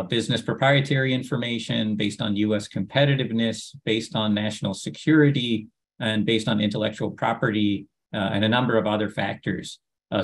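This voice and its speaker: A middle-aged man giving measured, formal panel remarks over a video call, with frequent "uh" fillers. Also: mid-range voice. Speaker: agency official panelist. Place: home office, virtual green backdrop.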